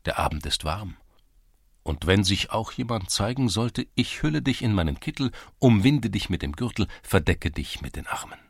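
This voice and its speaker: A man's voice: on the low side, sing-song, moderate pace, creaky, husky, no echo, clean studio sound, voice pushed up, exaggerated voice. A man voicing an ardent young lovesick Cossack in an audiobook, pleading and tender. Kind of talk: audiobook character reading.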